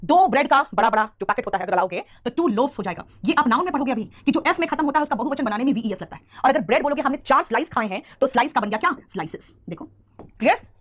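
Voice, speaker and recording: A high-voiced Indian woman teaches an English grammar lesson at a rapid clip. Her tone is brisk and fondly scolding, like a teacher coaxing students through common mistakes. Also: expressive. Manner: fast, scolding-affectionate, calls students "beta". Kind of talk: online grammar class.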